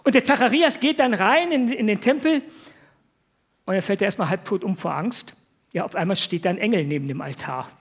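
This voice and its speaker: High-voiced man preaching casually. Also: expressive, a little fast, slightly rough. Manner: casual, colloquial, full of rhetorical questions to the listeners. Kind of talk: conversational sermon.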